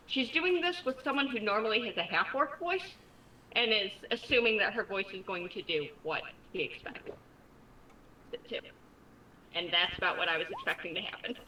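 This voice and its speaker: A woman's voice: mid-range voice, bright, forceful tone, a little hiss or hum, rough recording. A woman playing a tabletop role-playing game, switching between casual table talk and speaking for her character.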